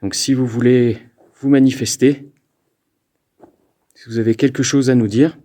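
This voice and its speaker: Man, ghost-hunting vlog, mellow dark voice, stammers, excitable, addresses spirits. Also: mid-range voice, unhurried. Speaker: paranormal investigator. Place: abandoned mountain fort.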